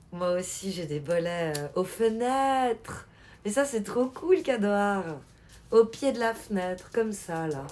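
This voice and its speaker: Woman, mid-pitched, casual live-stream chatter, laughs often, faint background noise. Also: darkish tone.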